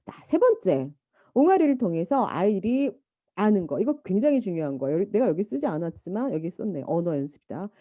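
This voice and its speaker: A woman giving a lecture, lively and animated, now and then imitating baby babble and a mother's talk. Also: medium pitch, fast talker, dry recording, dull audio. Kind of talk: university lecture.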